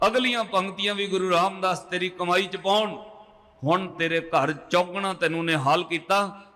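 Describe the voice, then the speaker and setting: A man preaching a storytelling sermon to a congregation, chanting scripture lines slowly between the narration. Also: high-pitched, fairly even intonation, sharp tone. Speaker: Sikh preacher. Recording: long hall reverb.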